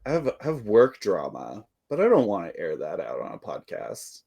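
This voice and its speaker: A man's voice: lowish voice, wildly swooping pitch, moderate pace, creaky, darkish tone, slightly rough. A man co-hosting a podcast, chatting casually in a rambling, self-deprecating way and laughing often. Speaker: podcast co-host. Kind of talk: casual chat.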